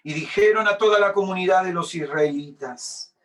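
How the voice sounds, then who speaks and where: A man reading scripture aloud in a sermon, deliberate and dramatic, his loudness swinging up and down. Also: sits high, distant mic. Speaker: preacher.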